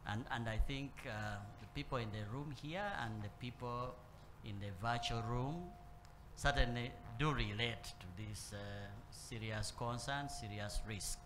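A man speaking on a conference panel about boardroom risk, in a measured way, often repeating words and pausing with fillers. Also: medium pitch, noisy background. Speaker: panel speaker on corporate governance. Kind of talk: spoken panel talk. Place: conference room with live and online audience.

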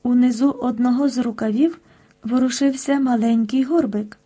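Husky-voiced woman narrating a children's story. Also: fairly high pitch, normal speed. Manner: lively, expressive storytelling. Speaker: audiobook narrator.

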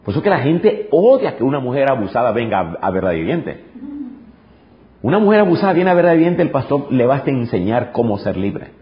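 A man's voice: mid-range voice, very animated, a little fast. A male pastor preaching a sermon emphatically, repeating phrases and throwing rhetorical questions at the congregation. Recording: dull lo-fi recording.

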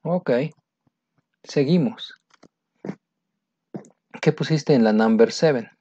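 A man's voice: mid-range voice, takes it slowly, mellow, a little hiss or hum. A man teaching English, going over exercise answers step by step in a patient, explaining manner and repeating each answer. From Mexico. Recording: dry, dull lo-fi sound.

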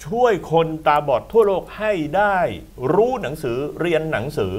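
A man's voice: on the high side, big pitch swings, moderate pace. A man hosting a football talk show in a studio, lecturing with emphatic, rambling asides.

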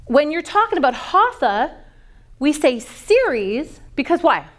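A middle-aged woman with a bright, high voice runs a lively session for yoga teacher trainees, quizzing them and then answering her own questions. She talks a little slowly. A camera far across the large wooden studio captures her.

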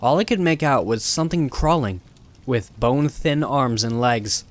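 A man narrates a first-person horror tale in a steady, measured voice. His pitch sits in an ordinary middle range for a man.

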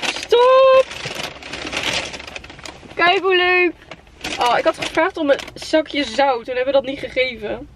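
A young woman with a Netherlands Dutch accent and a high voice chats casually for a vlog. She is excitable and exclamatory, mixing in English slang. The recording is made in a car with faint background noise. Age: 20s. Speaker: vlogger. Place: inside a parked car at night.

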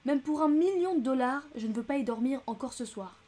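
A woman's voice: high-pitched, expressive, brisk, warm tone, pitched above the performer's own voice. A woman voicing a fussy, anxious older American lady who complains shrilly and breathlessly, in an audiobook reading. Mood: indignant.

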